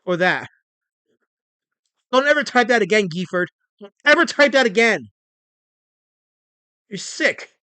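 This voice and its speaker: Excitable high-voiced man in his forties. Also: unhurried, long pauses, clean tone, no echo. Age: 40s. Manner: excitable, rambling, reads chat messages aloud. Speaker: livestream host. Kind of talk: casual livestream chat.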